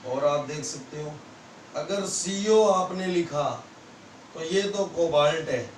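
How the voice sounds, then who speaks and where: Male teacher with a Rajasthani Hindi accent and a raised voice, slow and repetitive, recorded from a distance in an echoey classroom. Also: fairly high pitch, slight background noise. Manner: slow, repetitive explaining to students. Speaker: science teacher. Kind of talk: classroom lesson. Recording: echoey room, mic far off.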